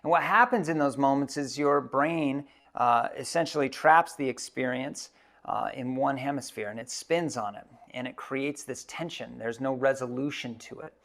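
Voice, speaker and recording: Gravelly man telling a personal story. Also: medium pitch, a bit bright. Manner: reflective, halting with fillers. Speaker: keynote speaker.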